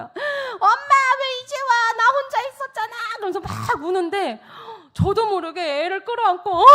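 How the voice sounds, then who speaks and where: Lively woman giving a church testimony. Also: sits high. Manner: animated storytelling, acting out quoted voices. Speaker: missionary speaker. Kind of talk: testimony sermon.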